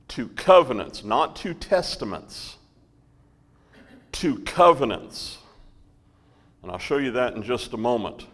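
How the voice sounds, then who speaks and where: A man's voice: mid-range voice, sing-song, a bit bright, in a large hall. A man teaching a Bible lesson, checking in with the class by asking "right?" and "okay?". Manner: slow, with frequent "right?" and "okay?" check-ins.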